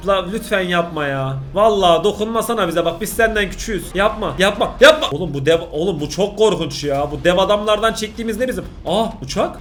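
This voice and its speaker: A young man reacting to scary videos, jumpy and swearing, pleading out loud with what he sees on screen. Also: high-pitched, a little hiss or hum. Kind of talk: casual reaction commentary.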